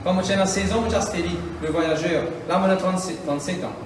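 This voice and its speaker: A pastor preaches with fervour, his voice sitting high and bursting into shouts now and then. He is caught from a distance in a big, booming church hall. The reverb hangs long after each phrase. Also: steady tone, quick pace, noisy background. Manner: impassioned, repetitive preaching with shouted outbursts. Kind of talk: preaching a sermon. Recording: echoey hall, mic from far off.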